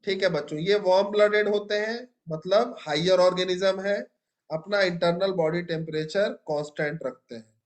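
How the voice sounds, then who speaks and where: A man's voice: high voice, moderate pace. A young man teaching a biology class, asking students questions and praising their answers. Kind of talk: classroom lecture.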